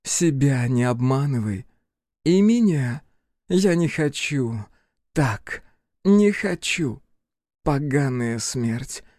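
A man voicing a stubborn, resigned young witch woman in an audiobook, speaking quietly and slowly. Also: mid-range voice, lively intonation, dry recording, clean studio sound. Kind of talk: audiobook character voice.

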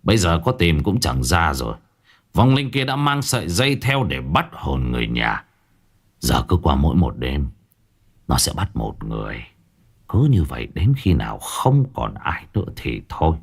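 A man voicing a stern old male exorcist who speaks slowly and gravely. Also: very deep voice, sing-song, pitched below the performer's own voice, heavily acted. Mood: ominous. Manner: slow, measured, grave.

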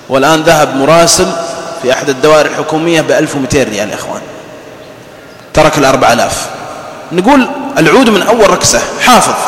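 A man preaching a mosque sermon, telling lively everyday stories and acting out the people he quotes. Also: fairly high pitch. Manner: lively storytelling with mimicked quotes. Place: mosque hall. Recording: roomy reverberant hall, faint ambience.

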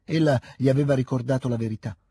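Needs: male narrator for a classic novel; calm and measured, dark and husky, close dry studio sound. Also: mid-range voice. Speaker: reader. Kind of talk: scripted literary narration.

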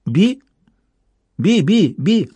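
A man puts on an uncanny little talking bird in an audiobook story, squeaking its words high and thin. It chirps short words and repeats them again and again. The voice has a husky edge. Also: sing-song, extremely slow, warm tone, no room sound, exaggerated voice. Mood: eerie chirping. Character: eerie tiny talking bird, squeaky, repetitive.

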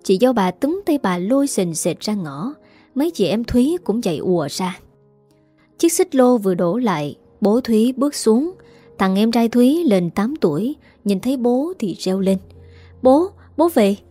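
A woman narrating a dramatic story with a steady, scripted reading. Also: on the high side, moderate pace, breathy edge, faint music behind.

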